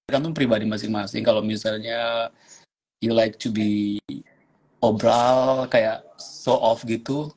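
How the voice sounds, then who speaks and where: A man's voice: medium pitch, steady tone, measured pace, a little mellow. A young man from eastern Indonesia, a guest on a phone livestream, chatting in a laid-back way and mixing English phrases into his talk. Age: young adult. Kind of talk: casual livestream chat.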